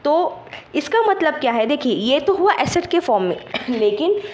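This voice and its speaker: High-voiced woman teaching accounting. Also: big pitch swings, normal speed, a little mellow. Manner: patient, checks understanding with frequent "theek hai"; mixes English terms into Hindi. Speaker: exam prep teacher. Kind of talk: explanatory online lecture.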